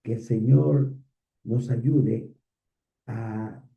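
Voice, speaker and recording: A man's voice: mid-range voice, steady tone, very slow, vocal fry. A man preaching as a pastor, telling stories and acting out short bits of dialogue in a conversational sermon. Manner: conversational storytelling, acts out quoted dialogue. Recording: echoey, distant, phone-like sound.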